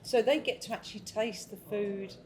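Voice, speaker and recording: A woman with a mid-range, slightly mellow voice, speaking at a moderate pace, hosts a relaxed interview. She's chatty, gets distracted easily, and laughs a lot, while restaurant crowds chatter around her in the busy space.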